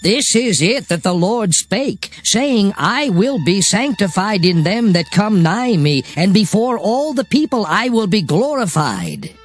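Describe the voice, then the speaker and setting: An actor playing a solemn, commanding biblical prophet and leader in a dramatized scripture reading, with a declamatory delivery. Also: male voice, high voice, sing-song, a little slow, hardly any pauses. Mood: grave, proclaiming. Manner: solemn, declamatory, archaic phrasing. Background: music.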